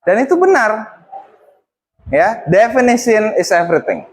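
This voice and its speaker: High-voiced male teacher in a classroom. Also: big pitch swings, a little slow. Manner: mixes English phrases into speech, prompts students. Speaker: English teacher.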